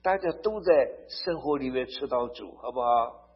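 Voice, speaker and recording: A man gives a sermon, using stories to make his points and growing emphatic and loud on key phrases, often asking his listeners "好不好?". His voice is mid-range and slightly rough, with lively intonation and a moderate pace. The recording is dull and lo-fi.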